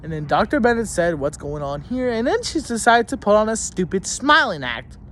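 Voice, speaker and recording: A man's voice: sits high, sing-song, brisk, fairly bright tone, a little hiss or hum. A young man, a student, ranting angrily to camera about teachers, rambling, swearing heavily and restarting his sentences. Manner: heated and indignant, mocking in tone. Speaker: student telling a school story. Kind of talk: angry profane rant to camera.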